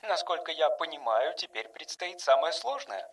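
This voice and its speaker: A man voicing a cautious, skeptical female ship engineer who speaks in a quiet murmur. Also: a little high, big pitch swings, normal speed, husky, far from the mic, voice pushed up, full character voice. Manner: hushed, murmured.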